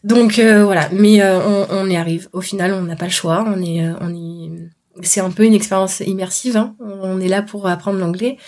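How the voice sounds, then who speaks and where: A young woman from France chatting halfway through her story, halting and laughing now and then as she tells it. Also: mid-range voice, fairly even intonation, a little mellow. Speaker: interviewee recounting work abroad. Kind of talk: casual spoken testimony.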